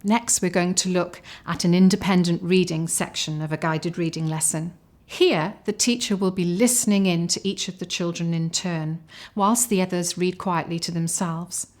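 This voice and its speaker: A woman presenting a teacher training video in a clear, explanatory scripted voice-over. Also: on the low side, fairly even intonation, moderate pace, hardly any pauses, darkish tone.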